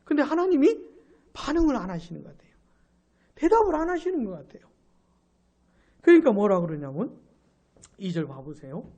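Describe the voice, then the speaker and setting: A pastor teaching scripture in an animated sermon. His voice swings up and down and jumps louder on key words, and he keeps repeating himself and asking the listeners whether they follow. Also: normal speed, pauses often, highs cut off. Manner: animated, repeats phrases, asks listeners rhetorical checks; stresses words with sudden rises in pitch and loudness. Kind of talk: Bible exposition sermon.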